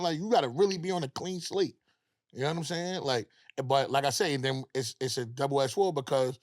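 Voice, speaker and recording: A man chatting as a podcast guest, slangy and animated, often tagging lines with "you know what I'm saying". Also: on the high side, no room sound, studio quality. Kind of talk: casual chat.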